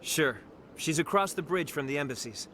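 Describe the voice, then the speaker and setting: A stammering young private. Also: male voice, fairly high pitch, animated, normal speed, sharp tone, a little hiss or hum. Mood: flustered. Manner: stammering, flustered. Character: nervous young male private, flustered.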